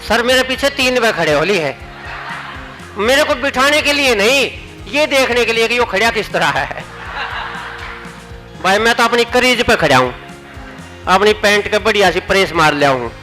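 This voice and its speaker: Haryanvi guy doing comic poems on stage, high voice, keeps repeating the punchlines. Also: animated, moderate pace, pauses often, pushed and bright, faint music behind, rough recording. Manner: playful, repeats punchlines for the crowd. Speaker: comic poet. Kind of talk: comic poetry recital on stage. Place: stage at a poetry gathering.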